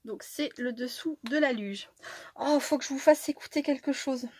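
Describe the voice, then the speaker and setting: Woman crafter, casual tutorial chat, tired, excitable, lots of fillers, dry sound. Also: high-pitched, normal speed, no echo. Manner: chatty and excitable, with many fillers and restarts. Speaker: scrapbooking vlogger.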